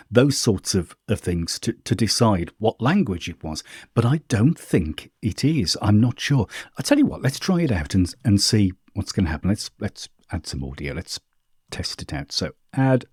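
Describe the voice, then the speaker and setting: A man hosting a casual question-and-answer video, chatting informally and thinking aloud while he demonstrates software. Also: fairly low pitch, breathy edge, no echo, studio quality. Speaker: host answering viewer questions. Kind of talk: casual screen-share walkthrough.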